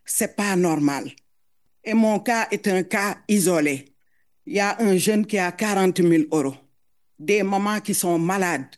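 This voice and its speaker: A middle-aged woman with a foreign accent gives emotional public testimony as a mother. She speaks earnestly and haltingly, repeating words as she searches for them. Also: mid-range voice. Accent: foreign accent in French.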